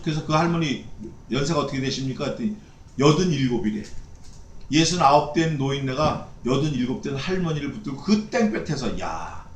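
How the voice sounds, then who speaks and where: Korean pastor preaching in an echoey church. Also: male voice, medium pitch, a little hiss or hum. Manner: preaching with rhetorical questions and repeated short phrases. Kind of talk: sermon. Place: church sanctuary.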